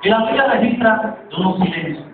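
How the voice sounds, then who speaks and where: A man preaching a sermon in a church, emphatic and repetitive, with long dramatic pauses. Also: high voice, lively intonation, a little hiss or hum. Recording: very echoey, distant, phone-like church recording.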